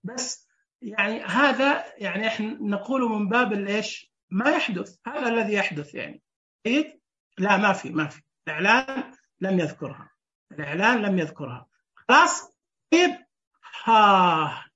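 A woman's voice: medium pitch, animated, normal speed, a bit bright, lo-fi sound. A woman teaching Braille in an online class. She explains step by step, counts the dots aloud and keeps checking that her students are following. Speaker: Braille instructor.

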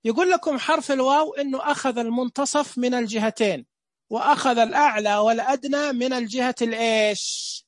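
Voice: mid-range voice, brisk, dry recording, studio quality. A Braille teacher gives a casual live online lesson, joking with viewers and repeating dot counts.

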